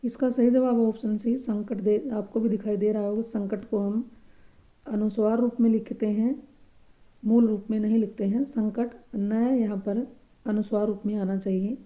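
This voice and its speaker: A woman teaching a grammar lesson for exam preparation, patiently explaining answers and repeating each correct word slowly and softly. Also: medium pitch, steady tone, highs cut off.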